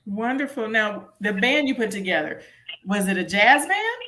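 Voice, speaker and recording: A woman's voice: fairly high pitch, very animated, moderate pace, sharp tone, slight background noise. A woman hosting a casual interview in an effusive, encouraging way. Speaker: interview host.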